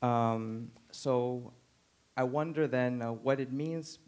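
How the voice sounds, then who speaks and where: A man asking a long, measured academic question at a lecture, hedging his phrasing with fillers as he builds his point. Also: mid-range voice, a little mellow, clear, resonant tone. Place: lecture hall.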